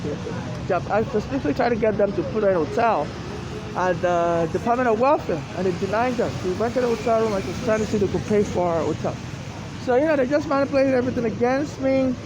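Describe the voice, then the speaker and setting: A woman from Africa giving a rambling, aggrieved personal monologue, halting and often repeating herself, outdoors in the rain. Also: medium pitch. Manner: repetitive, halting and restarting, aggrieved. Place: outdoors on a city street in the rain. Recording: noisy outdoor street with traffic.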